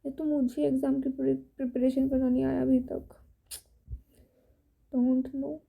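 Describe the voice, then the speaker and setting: A woman's voice: high voice, level tone, unhurried, vocal fry, no echo, narrow, tinny audio. A young woman in her twenties vlogging in a rambling, conversational way. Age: 20s. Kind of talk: casual chatty vlog.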